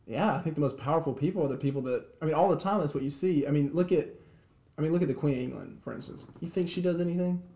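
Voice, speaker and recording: Gravelly mellow guy rambling on a podcast, lots of restarts, roomy echo. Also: a little high, rapid-fire. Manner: rambling, many restarts and fillers. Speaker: podcast co-host. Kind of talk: casual chat.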